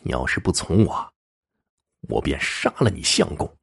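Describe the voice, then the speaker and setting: A man's voice: fairly low pitch, wildly swooping pitch, a little slow, creaky, husky, full character voice. A man voicing a sly, leering young male thug who snickers and goads in a Chinese storytelling recording. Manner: sneering, snickering, goading.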